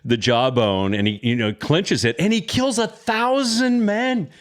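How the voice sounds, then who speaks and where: A middle-aged man hosting a casual Bible discussion podcast, animated, laughing often and repeating words when excited. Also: high-pitched, measured pace. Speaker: podcast host.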